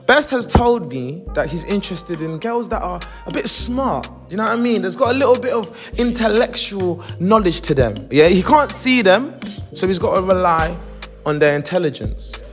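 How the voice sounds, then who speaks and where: A young man hosting a dating game show in a studio, holding a mic, playful and teasing. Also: high voice. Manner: playful, teasing, laughs a lot. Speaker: host. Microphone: handheld mic.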